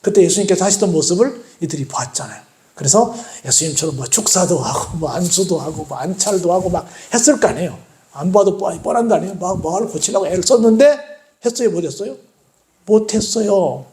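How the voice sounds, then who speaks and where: A man's voice: high voice, expressive, a little fast, warm tone. A male pastor preaching a sermon in a church, asking the congregation questions and answering them himself. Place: church sanctuary. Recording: echoey church sanctuary.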